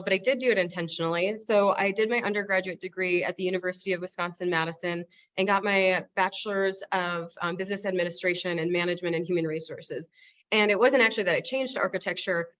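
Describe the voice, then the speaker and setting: A woman's voice: fairly low pitch, a bit bright, lo-fi sound. A woman in her thirties from the United States, speaking as an architect in a conversational interview. She talks in an upbeat, chatty way and laughs while she speaks. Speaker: architect, studio co-founder.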